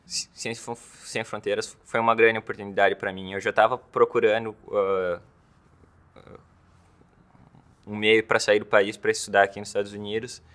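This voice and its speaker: A man's voice: lowish voice, level tone, normal speed, fairly bright tone. A young man, an exchange student giving an interview testimonial, who often stumbles and repeats words as he starts. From southern Brazil. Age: young adult. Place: indoor campus building.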